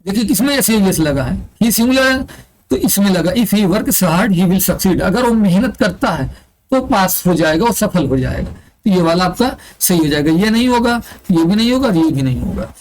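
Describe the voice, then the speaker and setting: A man's voice: high voice, animated, moderate pace, a little mellow, slight background noise, low-quality recording. A man teaching an online exam-prep English grammar lesson, explaining step by step and answering his own questions aloud. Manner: asks the class questions and answers them himself, repeating key terms.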